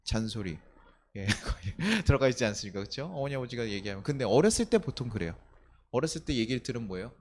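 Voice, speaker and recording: Man preaching with lively rhetorical questions. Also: medium pitch, fast, slight background noise. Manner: animated, many rhetorical questions, acts out quoted speech. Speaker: pastor. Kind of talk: sermon. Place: church sanctuary.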